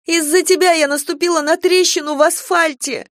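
A woman voicing a nine-year-old girl who cries out and pleads in a high child's voice, read as an audiobook character. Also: expressive, normal speed, no room sound, studio quality. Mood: pleading.

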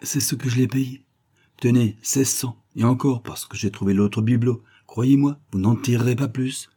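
A man voicing a smooth, flattering aristocratic customer who talks effusively and persuasively. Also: mid-range voice, normal speed, pitched above the performer's own voice, lightly acted. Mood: haggling.

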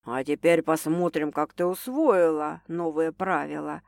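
A woman's voice: on the low side, a little slow, no room sound, clean studio sound, natural voice. A woman voicing a domineering, possessive, drunk male boss who growls and hisses his threats. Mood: menacing possessive. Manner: growling, snapping, hissing threats.

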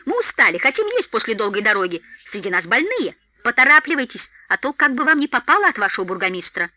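A woman's voice: medium pitch, very animated, moderate pace, bright, forceful tone. A woman doing an impatient young dwarf. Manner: impatient, complaining.

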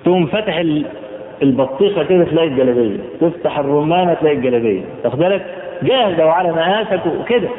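A man's voice: on the high side, expressive, very fast. A man with an Egyptian Arabic accent preaching a sermon, telling stories and mixing classical Arabic with colloquial asides. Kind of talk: sermon storytelling. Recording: echoey hall, tinny phone-like sound, faint noise.

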